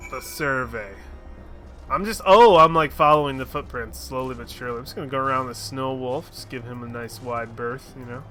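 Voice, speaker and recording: A man with a mid-range voice and sharp tone streams a game, chatting casually. His gameplay commentary is sprinkled with goofy, laughing asides.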